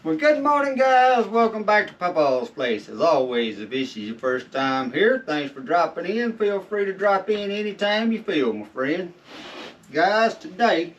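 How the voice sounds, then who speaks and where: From his shed, a man with a Southern US accent runs a folksy how-to vlog, his drawl slightly muffled by the chewing tobacco in his lip. He speaks animatedly at a measured pace in a fairly high voice, captured by a distant mic in dull lo-fi sound with slight background noise.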